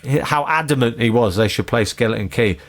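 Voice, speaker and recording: A British podcast host at a mid pitch chats loosely and keeps swearing casually. He laughs his way through a story about an annoying fan at a gig. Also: a little fast. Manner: chatty, swears freely, laughs through stories. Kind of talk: casual chat.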